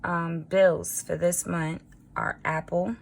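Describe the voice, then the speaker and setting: A woman with a raspy early-morning voice, chatting informally as a vlogger while she writes out a budget. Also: fairly low pitch, little pitch movement, slow. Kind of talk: casual budgeting vlog narration.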